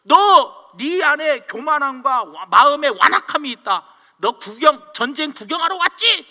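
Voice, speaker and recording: Preacher doing a mad big brother yelling at his kid brother, loud and rebuking, sharp high voice. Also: very animated, a little slow, big-room sound, exaggerated voice. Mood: angry rebuke. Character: angry scolding eldest brother, young man.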